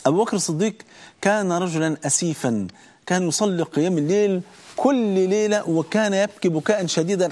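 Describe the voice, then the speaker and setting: A man's voice: fairly high pitch, darkish tone. A man with an Egyptian Arabic accent preaching a sermon, emphatic and full of rhetorical questions to his listeners.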